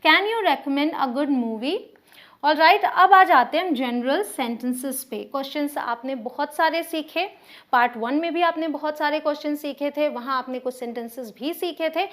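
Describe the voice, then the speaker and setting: Woman, English teacher, high voice, slow deliberate example sentences, mixed-language explanations. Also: fairly bright tone. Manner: mixes English phrases into explanations. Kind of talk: spoken English lesson.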